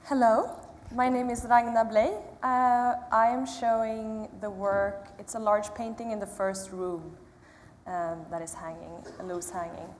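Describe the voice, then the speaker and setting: Woman painter from Sweden, mid-pitched, reflective and unhurried, echoing auditorium with faint hum. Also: little pitch movement. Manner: measured, reflective with pauses and ums. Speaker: painter on a panel. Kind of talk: panel self-introduction. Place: museum auditorium. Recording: long hall reverb, faint room noise.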